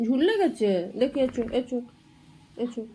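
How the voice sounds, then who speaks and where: A woman's voice: high-pitched, lively intonation, moderate pace, dark tone, slight background noise, poor audio. A woman at home filming on her phone as she coaxes her pet dog in fond baby talk. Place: home indoors. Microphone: handheld phone camera.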